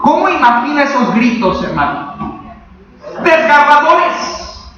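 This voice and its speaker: A man's voice: high voice, normal speed, a bit bright. A man preaching a sermon as a pastor, emphatic and full of rhetorical questions to the congregation. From Mexico. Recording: echoey, distant, dull sound.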